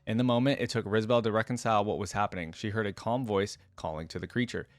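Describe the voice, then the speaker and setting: Fast but steady in tone, a man with a lowish voice reads a story out loud, dropping slangy, informal comments as he hosts a game lore reaction video. The recording is dry.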